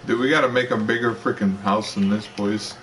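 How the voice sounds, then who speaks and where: A young man streaming a video game, chatting casually and excitably with a friend, teasing and full of slang. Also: lowish voice, brisk. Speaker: gaming streamer. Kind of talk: casual gaming chat. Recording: distant voice with clear background noise.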